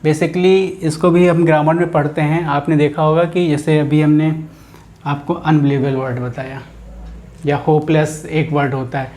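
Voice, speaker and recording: A man with a slightly high voice and an Indian accent teaches grammar in a classroom style. He explains each term step by step, posing questions and answering them himself. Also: little pitch movement, normal speed, darkish tone. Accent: Indian English.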